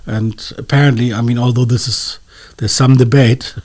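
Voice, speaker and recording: As an expert interview guest, a man explains things in a hesitant, scholarly manner, searching for his words. His mid-range voice is a little mellow, with fairly even intonation and a moderate pace.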